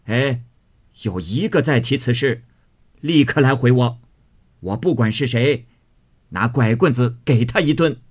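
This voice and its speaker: A man voicing a stern, scornful old matriarch who scolds and commands her grandson, in a husky voice. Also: medium pitch, a little slow, pauses often, voice pushed up. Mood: teasing.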